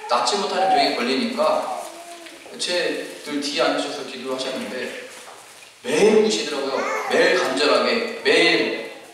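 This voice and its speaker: A man's voice: on the high side, normal speed, background noise. A male pastor preaching a sermon, dramatically acting out the cries of biblical figures. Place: church hall. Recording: echoey church hall, mic far off.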